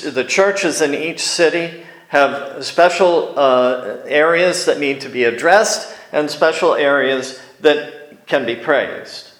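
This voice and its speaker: A man preaching a sermon as pastor, speaking in a measured way with frequent pauses and fillers. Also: medium pitch, a bit bright, echoey room, poor audio.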